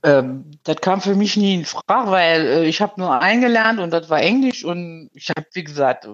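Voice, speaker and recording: A woman's voice: on the low side, expressive, normal speed, dull audio. A woman in her fifties calling in, telling a personal story in casual chat with many hesitations. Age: 50s. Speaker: caller.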